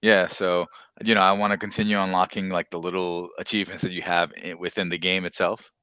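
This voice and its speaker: A man with a deep yet bright, forceful voice hosts a casual podcast. He rambles through asides in a loose, chatty way, recorded close and dry. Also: little pitch movement, a little fast, smooth, dry recording, highs cut off. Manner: rambling, swearing, many "you know" asides. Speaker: podcast host. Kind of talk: casual chat about games and shows.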